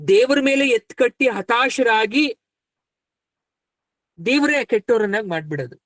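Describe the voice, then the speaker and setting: A man voicing Krishna as a calm divine counselor who reasons and rebukes steadily. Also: high-pitched, no echo.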